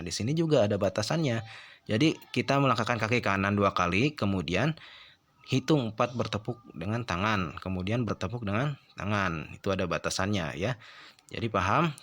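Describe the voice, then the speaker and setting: A man's voice: on the low side, a bit bright. A middle-aged male teacher giving a lesson, explaining step by step and often checking in with his listeners. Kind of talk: classroom lesson.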